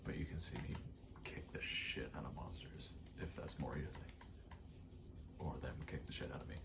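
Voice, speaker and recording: A bass-voiced man rambles softly to camera in a casual ASMR style at normal speed, breathy and often whispering, swearing and poking fun at himself. A rattling vent is clearly audible in the background.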